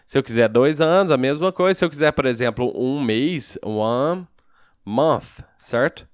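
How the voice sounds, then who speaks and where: A Brazilian-accented man talks through a coding tutorial at his computer, relaxed and unhurried, pausing often to check that the viewer is following. His voice is smooth and resonant, recorded dry and close with almost no room sound. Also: medium pitch, no echo. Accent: Brazilian Portuguese. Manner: relaxed, thinking aloud, checks in with "certo?" after each step. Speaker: programming teacher. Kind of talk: casual screencast tutorial.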